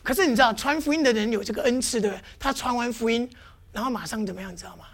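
A woman leading a lively, interactive church teaching, constantly asking the audience questions and acting out examples. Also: on the high side, racing, vocal fry. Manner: lively, with playful demonstrations.

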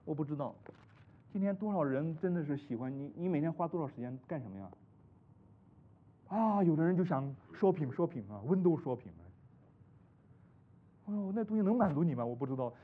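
A man from China preaching a sermon, full of rhetorical questions, swinging between loud exclamations and hushed asides. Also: on the high side, expressive, a little fast, long pauses, husky. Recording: tinny phone-like recording.

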